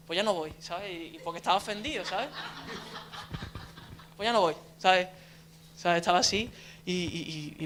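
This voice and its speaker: A young man preaches a casual, story-driven sermon, dropping in constant little tag questions. His voice is bright and clear, with a faint hiss of noise behind it. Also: high voice. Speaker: deacon preacher. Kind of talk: conversational sermon.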